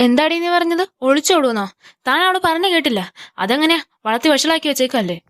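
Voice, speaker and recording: An exasperated, nagging mother with a Malayali accent, played by a woman, scolds her children in a fan audio drama. She speaks quickly in a high voice, recorded dry and close. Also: no room sound, lightly acted. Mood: scolding.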